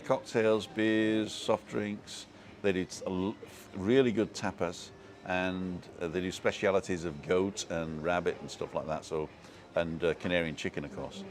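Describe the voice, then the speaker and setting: A deep-voiced Manchester man with a soft local English accent hosts a laid-back live stream, reading out viewers' comments and chatting back to them.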